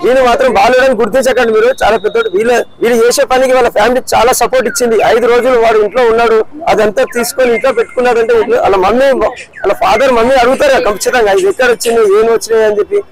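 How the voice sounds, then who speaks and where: Fast-talking grieving father. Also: very high-pitched, rough recording. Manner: fast, repetitive, pleading. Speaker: grieving father interviewed by reporter. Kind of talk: emotional street interview. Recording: crowd noise outdoors.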